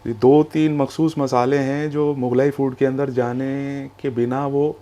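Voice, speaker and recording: A man who founded a food business, explaining its history in a calm, storytelling way and mixing English phrases into his talk. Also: medium pitch, a little slow. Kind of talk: business interview.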